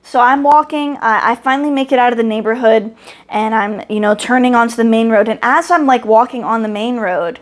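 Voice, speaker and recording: Animated young woman telling a story. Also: fairly high pitch, fairly quick. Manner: animated, laughing, acts out voices in quotes. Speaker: podcast co-host. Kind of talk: casual storytelling.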